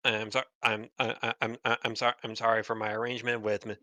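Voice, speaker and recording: A man's voice: on the low side, little pitch movement, fast, pushed and bright, no echo. A man voicing a flustered woman security officer on an airship, stammering and apologetic with many restarts. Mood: defensive.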